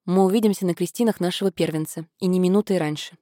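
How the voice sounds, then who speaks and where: A woman's voice: lowish voice, fast talker, dark tone, no echo, clean studio sound, lightly acted. A woman voicing a resolute young noblewoman who makes firm, clipped demands in a read-aloud story. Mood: stern.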